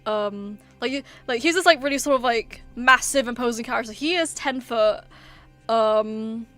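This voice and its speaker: A woman's voice: on the high side, normal speed, a bit bright. A woman streamer chatting casually, rambling and hesitant with lots of "um" and "like". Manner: rambling, hesitant, many fillers. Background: faint background music.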